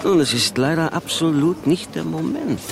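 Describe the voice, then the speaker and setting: An actor playing a serious, wry private detective in a German radio crime drama, with a formal, dry and composed delivery. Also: male voice, a little high, expressive, normal speed, vocal fry, loud music behind the voice. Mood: earnest.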